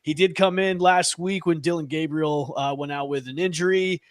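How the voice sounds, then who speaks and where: A man hosting a casual sports talk show, animated and quick to laugh. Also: fairly high pitch, no room sound. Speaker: podcast host.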